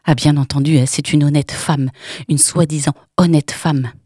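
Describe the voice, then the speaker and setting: A woman voicing a coarse, jealous young woman who shouts with harsh, sneering contempt in an audiobook reading. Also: deep voice, steady tone, moderate pace, husky, no room sound, studio quality. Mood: furious.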